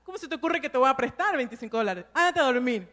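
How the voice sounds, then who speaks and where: A weary, short-tempered father snaps at his child in a gruff, dismissive way, as a woman preacher acts him out. The voice sits high and rings out in a reverberant church hall. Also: animated, quick pace, a bit bright. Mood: annoyed. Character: tired, irritable father, grown man.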